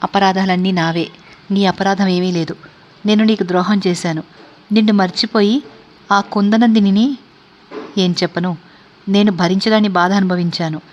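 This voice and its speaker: A woman voicing a troubled middle-aged man in a read-aloud story, speaking low and subdued. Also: steady tone, moderate pace, pauses often, a little mellow, lo-fi sound, a little hiss or hum, close to an everyday voice. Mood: remorseful.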